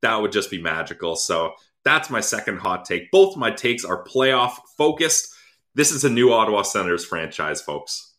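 A man with a low, bright, forceful voice co-hosts a casual sports podcast. He makes bold predictions in a playful, laughing manner. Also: very animated, moderate pace. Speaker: podcast co-host.

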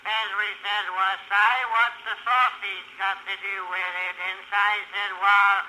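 A man's voice: high voice, level tone, unhurried, bright, forceful tone. A man telling a folksy comic yarn in a drawling way, heard from an old wax cylinder recording. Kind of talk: comic rural storytelling monologue. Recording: faint hiss, distant, tinny early cylinder recording.

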